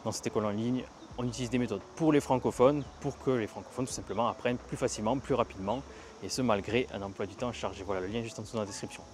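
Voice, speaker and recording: A man's voice: medium pitch, quick pace, slight background noise. Man teaching while walking outdoors. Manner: lively, stresses words to demonstrate tones. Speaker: language teacher. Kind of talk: casual video lesson.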